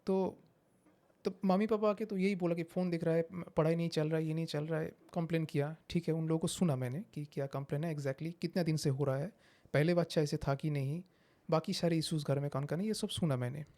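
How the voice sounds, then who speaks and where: Mellow-voiced psychiatrist explaining calmly. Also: male voice, on the high side. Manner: measured, explains with examples, mixes English phrases. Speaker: psychiatrist guest. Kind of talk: explanatory interview talk.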